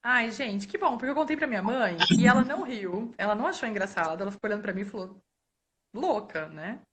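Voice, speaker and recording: Woman from brazil, 30s, telling work stories on a live stream, animated and laughing a lot, voice sits a bit high. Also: quick pace, heavy background noise. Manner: animated, laughs often, acts out quoted voices. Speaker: guest speaker, librarian. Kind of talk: casual storytelling in a live talk. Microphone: phone or webcam on a live stream.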